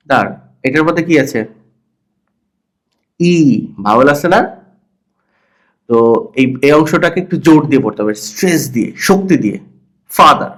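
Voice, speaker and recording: A Bangladeshi man teaching English to children with a cold, repeating words slowly and saying the first syllable loudly and the rest softly. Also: on the high side. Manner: playful teasing of pupils. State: has a cold. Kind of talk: slow explanatory lesson for children.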